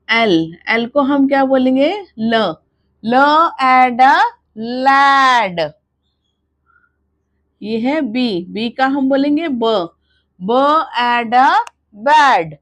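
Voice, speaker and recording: A woman teaching phonics to mothers, sounding out letters slowly and repeating each sound. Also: a little high, dry recording. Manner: slow, drawn-out sounding out of letters.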